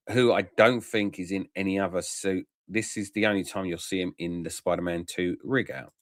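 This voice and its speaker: A man giving a casual, frank product review. He talks in a chatty way, often tags on questions and fills pauses with "um". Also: on the low side, no room sound, studio quality. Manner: frank and chatty, with tag questions and many "um" fillers. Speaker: toy collector reviewer.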